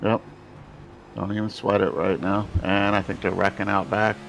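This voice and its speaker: A man's voice: on the low side, level tone, normal speed, vocal fry, a bit bright, faint music behind, rough recording. A man acting as a race spotter on the radio, giving short position calls and casual encouragement to the driver.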